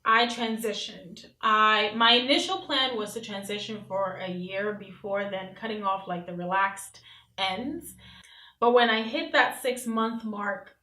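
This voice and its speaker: A woman's voice: fairly high pitch, reverberant, rough recording. A woman in her thirties from Nigeria, chatting casually to camera as a vlogger, reading questions off her phone. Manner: chatty, warm-hearted asides, reads questions off her phone. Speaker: beauty vlogger. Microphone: camera mic, reading from phone.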